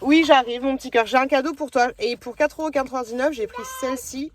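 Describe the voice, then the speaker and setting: Woman, 30s, family vlogger, casual rambling phone-camera chat, somewhat high voice. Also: fast talker, a little hiss or hum. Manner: chatty and rambling, many fillers and restarts.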